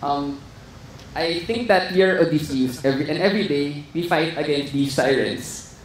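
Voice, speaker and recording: A man's voice: fairly high pitch, normal speed. A man giving a conference talk, hesitant and full of fillers and restarts. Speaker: conference speaker. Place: conference hall. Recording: echoey hall with faint noise.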